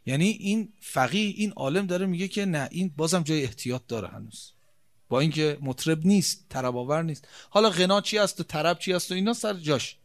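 Man, sermon, high voice, emphatic, repetitive phrasing, rhetorical questions, soft-to-forceful swings. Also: animated. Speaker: preacher. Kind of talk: religious sermon.

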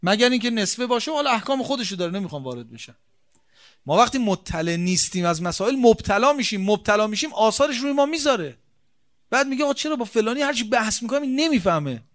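A man preaching a religious sermon speaks in a high, bright voice with big swings in pitch. He relies heavily on repeated key phrases and rhetorical questions, moving from hushed asides to forceful stresses. His delivery is emphatic and insistent from start to finish.

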